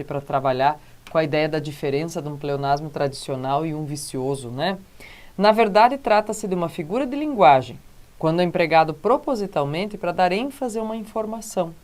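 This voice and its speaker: A woman's voice: medium pitch, a little mellow. A woman with a Brazilian accent teaching a recorded grammar lesson, checking in with the class after almost every point. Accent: Brazilian Portuguese. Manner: explains slowly with frequent "tá?" and "né, gente?" check-ins.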